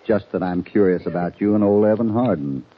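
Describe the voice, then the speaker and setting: An actor playing the calm, dry-witted cowboy hero Hopalong Cassidy in an old radio drama. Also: male voice, fairly low pitch, fairly quick, husky. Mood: probing. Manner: easygoing, probing. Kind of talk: 1940s radio acting. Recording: dull lo-fi old radio recording.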